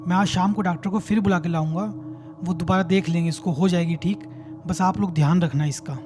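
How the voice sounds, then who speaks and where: A man voicing a worried husband who pleads in panic and calmly reassures his mother. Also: high-pitched, brisk, background noise, natural voice. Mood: reassuring. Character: worried husband, rational and fearful.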